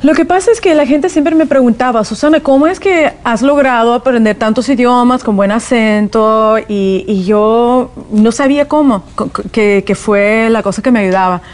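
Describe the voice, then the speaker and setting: A Soviet-born woman raised in California, whose first language is Russian, explains things as a guest on a TV interview, often saying "eh." Her voice is fairly high and a little mellow, at a moderate pace with few pauses.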